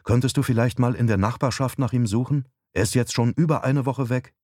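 A man putting on a soft coaxing young wife. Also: brisk, no room sound, studio quality, natural voice. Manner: gentle, coaxing, lifts pitch for the wife. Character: young married woman, calm and persuasive. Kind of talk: audiobook dialogue.

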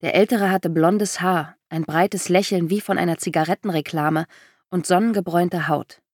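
Woman audiobook narrator, lowish voice, dry close sound, measured storytelling. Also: fairly even intonation, darkish tone, no echo. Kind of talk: first-person novel narration.

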